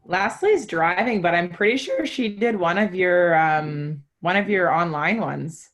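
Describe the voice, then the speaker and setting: A woman's voice: fairly low pitch, expressive, measured pace. A woman casually hosting an online group call and inviting people to speak. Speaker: host of the online workshop.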